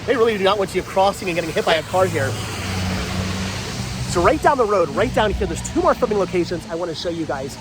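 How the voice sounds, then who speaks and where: A fast-talking man with a high, expressive voice vlogs while walking a rainy town street outdoors, filming himself. His voice is stuffy and congested from a cold, yet he chats enthusiastically, with light street noise around him.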